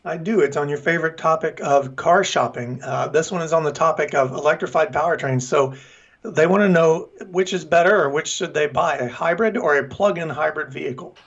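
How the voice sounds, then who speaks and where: A male co-host weighs in on cars in an even, matter-of-fact tone. His audio is a little muffled and lo-fi. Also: fairly high pitch, brisk. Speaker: radio co-host. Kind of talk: casual car-review talk. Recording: slightly dull, lo-fi sound.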